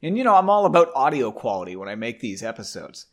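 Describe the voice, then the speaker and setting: A man's voice: mid-range voice, sing-song, fast talker. A young man who hosts a podcast, reading a novel aloud and breaking off to comment in a loose, joking, self-deprecating way, with casual swearing.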